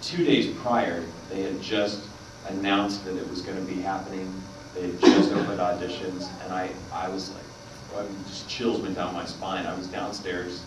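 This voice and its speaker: Man, panel guest, low voice, rambling anecdote, distant echoey noisy room. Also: level tone, normal speed. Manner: rambling storyteller, many fillers and laughs. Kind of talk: telling a story on a convention panel. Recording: echoey hall from far off, noisy.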